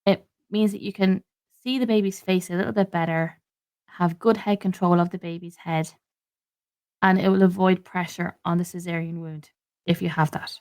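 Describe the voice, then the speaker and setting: An Irish woman in her thirties hosts an informative solo podcast, her mid-range voice carrying a darkish tone. She is stuffy with a cold and has a sore throat. Her manner is earnest and explanatory, with frequent "um"s and restarts.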